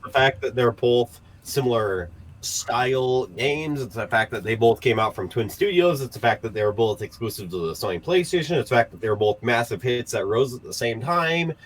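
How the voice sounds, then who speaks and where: A man's voice: mid-range voice, expressive, moderate pace, poor audio. A man hosting a casual podcast, ranting and swearing with sarcastic humor. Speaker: podcast host.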